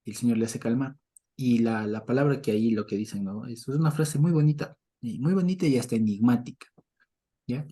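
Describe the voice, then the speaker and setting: A middle-aged man giving an informal Bible teaching, conversational and chuckling often, who checks in with his listeners and swings between loud mock preaching and soft murmurs. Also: mid-range voice, a little fast.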